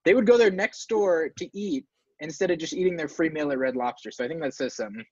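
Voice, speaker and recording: Husky guy on a podcast, dull dry mic sound, gets worked up and emphatic. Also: fairly high pitch, fast, no echo. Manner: animated, emphatic complaints. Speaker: podcast co-host. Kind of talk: casual podcast chat.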